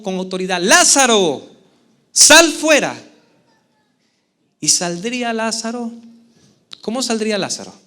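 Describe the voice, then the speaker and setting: A man preaching a sermon as pastor to a church congregation, with expressive delivery and frequent questions to the listeners. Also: high-pitched. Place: church service before a congregation.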